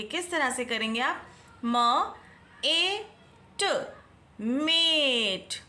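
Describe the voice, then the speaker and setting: A young woman teaching a phonics lesson and sounding out letters slowly and clearly. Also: high voice, pushed and bright, reverberant. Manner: slow clear sounding-out of letters, stretching syllables.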